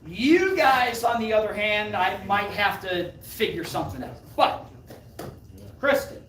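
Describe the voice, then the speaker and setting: On stage at an indoor venue, a woman does a live mind reading act, bantering playfully and self-deprecatingly off the cuff. She speaks a little slowly in an expressive, mid-range, slightly bright voice. A distant mic picks up the echoey room and faint noise.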